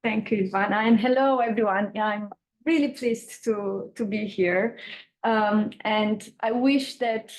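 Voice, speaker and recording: A young woman from Romania with an Eastern European accent, giving an informal conference talk with frequent hesitant pauses. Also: medium pitch, fairly even intonation, low-quality recording. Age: young adult. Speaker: campaigner, panel speaker.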